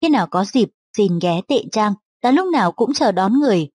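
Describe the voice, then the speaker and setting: A woman's voice: mid-range voice, animated, brisk, a little mellow, breathy edge, no echo. A woman reading the lines of an elderly, courtly host in a storybook, in a formal and gracious way. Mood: warm, courtly.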